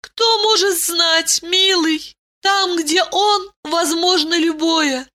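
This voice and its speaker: A woman voicing an ancient princess who is stern yet tender and speaks in a high, commanding, sing-song way. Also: steady tone, takes it slowly, bright, forceful tone, full character voice. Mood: regal, tender.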